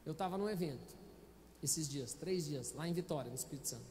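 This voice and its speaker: A man's voice: fairly high pitch, fairly quick, dark tone, long reverb tail, slight background noise. A male pastor with a Brazilian Portuguese accent, preaching a Sunday sermon in a chatty, playful way and often asking the congregation questions, on a handheld microphone in a church. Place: church auditorium.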